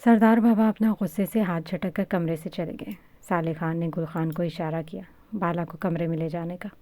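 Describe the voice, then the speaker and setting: A woman reads a romance story aloud in a steady, even manner. Her voice is low and dark, and the recording is dry and close. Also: no echo. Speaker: narrator. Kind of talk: scripted story narration.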